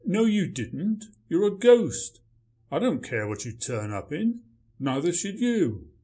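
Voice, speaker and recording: A man's voice: on the high side, big pitch swings, takes it slowly, warm tone. A man playing a grumpy male writer, dry, sarcastic and dismissive in a radio play. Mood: sardonic.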